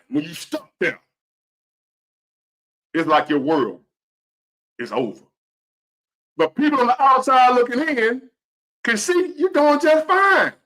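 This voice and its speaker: In a roughly recorded clip, a motivational vlogger in his fifties speaks directly to viewers in a high, bright voice. His pitch jumps and drops as he hammers points home, repeating key phrases and sinking to a hush before climbing again, all in an earnest, preachy way.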